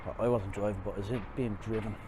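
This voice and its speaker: A fast-talking man with a steady, lowish voice narrates a casual walking tour in an Irish accent, muffled slightly by a face mask. His commentary wanders and pokes fun at himself. Traffic ambience and street sounds surround him on the riverside city streets.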